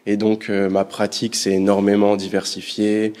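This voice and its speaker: Young man interviewing, fairly low voice. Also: monotone, normal speed, a little mellow. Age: young adult. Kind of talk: casual interview. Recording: reverberant hall.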